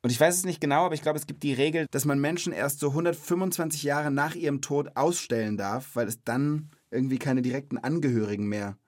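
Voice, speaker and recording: The host of a children's knowledge podcast, a man with a medium-pitched voice, explains things to a child in a casual, curious, conversational way, checking back with questions. He talks quickly with few pauses, and the studio-quality audio has no room sound.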